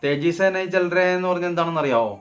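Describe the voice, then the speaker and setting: A man teaching everyday phrases, saying each example slowly and then explaining it. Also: high voice. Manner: slow, deliberate model phrases, then explained in Malayalam. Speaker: Hindi teacher. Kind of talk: casual spoken-Hindi lesson.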